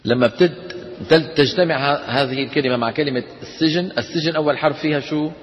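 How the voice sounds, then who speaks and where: A man teaching a tajweed class, questioning his students and chanting verse lines slowly. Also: a little high. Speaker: Quran recitation teacher. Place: lecture hall with students. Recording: dull lo-fi lecture recording in a reverberant hall with faint noise.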